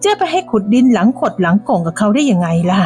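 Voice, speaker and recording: A woman voicing a bossy, teasing elderly village woman who talks in a shrill, dismissive way. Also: sing-song, fast, a little mellow, soft background music, natural voice. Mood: whiny.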